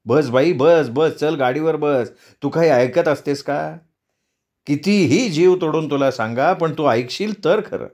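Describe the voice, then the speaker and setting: A man's voice: fairly high pitch, unhurried, darkish tone. A man voicing an impatient grown son who scolds his mother, in a read-aloud story. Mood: scolding. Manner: scolding, nagging.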